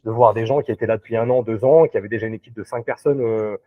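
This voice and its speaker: A man's voice: on the low side, fairly even intonation, fast, no echo. A man who works as a recruiter, talking as a guest in a casual interview over a video call, hesitant, with many fillers and restarts. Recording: dry tinny video-call audio.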